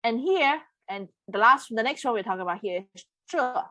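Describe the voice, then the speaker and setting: A woman's voice: on the high side, lively intonation, brisk, bright, forceful tone, no room sound. A woman teaching an online Mandarin lesson in English, patiently repeating words and checking in with her students. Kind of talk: live online language lesson.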